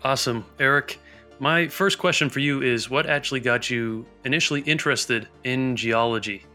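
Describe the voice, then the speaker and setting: A man's voice: mid-range voice, moderate pace, bright, forceful tone, soft background music. A man co-hosting a casual podcast, asking long, friendly questions. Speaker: podcast co-host.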